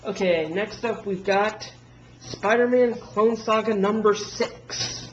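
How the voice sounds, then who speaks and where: Man, comic reviewer, high and monotone, rambling self-correcting recaps; dull lo-fi home recording with faint hiss. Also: takes it slowly. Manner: rambling plot recaps with frequent restarts. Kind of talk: casual unscripted review.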